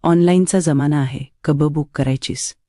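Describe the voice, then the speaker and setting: A woman's voice: deep voice, normal speed, mellow, no echo, studio quality, lightly acted. A woman voicing a rude rich young man who talks to her in a stern, ordering tone. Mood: curt.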